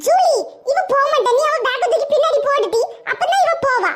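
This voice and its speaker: A woman's voice: extremely high pitch, lively intonation, noisy background. A woman voicing a bossy, quarrelsome schoolgirl in a cartoon, speaking with a Tirunelveli Tamil accent and a threatening, teasing manner. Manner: bossy, threatening, quick banter. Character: bossy, quarrelsome schoolgirl fighting over a seat. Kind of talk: comic cartoon voice acting.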